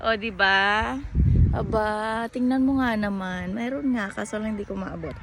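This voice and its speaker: A woman's voice: medium pitch, unhurried, background noise. A woman vlogging as she walks outdoors by a park pond, chatting and joking, often laughing and mixing in English phrases, recorded on a handheld phone. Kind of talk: casual walking vlog.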